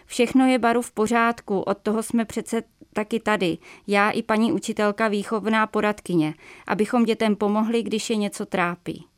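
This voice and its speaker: A woman voicing a kind female homeroom teacher who reassures a child in a gentle, soothing way. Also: mid-range voice, fairly even intonation, clear, resonant tone, close to an everyday voice.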